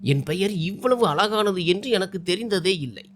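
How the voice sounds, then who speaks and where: A male storyteller reading a romantic tale, his fairly high voice rising and falling with lots of expression. A faint hiss sits under the recording. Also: lively intonation, moderate pace, a bit bright. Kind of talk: scripted story narration.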